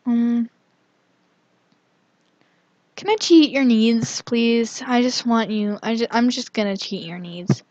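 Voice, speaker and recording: A woman narrating her gameplay in a casual, giggly and excitable way. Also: on the high side, takes it slowly, pauses often, no echo, lo-fi sound. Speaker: gaming vlogger.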